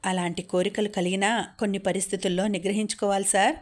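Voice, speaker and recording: A woman reading the part of a calm, sensible young woman giving measured, gently firm advice, in an audiobook. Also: mid-range voice, natural voice. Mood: composed.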